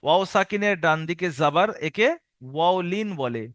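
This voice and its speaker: A man teaching a recorded Quran reading lesson for adults, slowly drawing out each spelled syllable, then explaining at a steady pace. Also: high voice, no echo, clean studio sound. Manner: slow drawn-out syllable-by-syllable spelling drills alternating with steady explanation.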